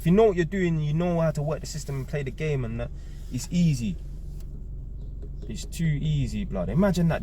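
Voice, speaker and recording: A man's voice: medium pitch, a little mellow, a little hiss or hum. A man, giving a blunt, emphatic monologue to camera, repeating key words and swearing freely. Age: 30s. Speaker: vlogger.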